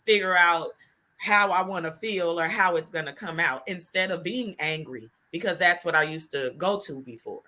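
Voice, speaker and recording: A woman's voice: lowish voice, normal speed, bright, forceful tone. Earnest emotional woman hosting a talk. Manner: earnest, reflective, laughs and tears up. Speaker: host and show creator. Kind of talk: emotional heartfelt conversation.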